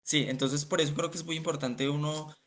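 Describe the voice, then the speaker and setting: A man's voice: on the high side, fairly even intonation, fairly quick, a bit bright. A man taking part in a class discussion over a video call, thinking aloud with hesitant restarts. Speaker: course participant.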